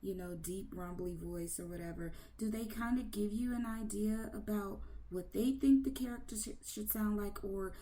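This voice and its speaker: A woman's voice: mid-range voice, moderate pace, hardly any pauses, warm tone. A woman hosting an interview, asking long rambling questions in casual chat. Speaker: interview host.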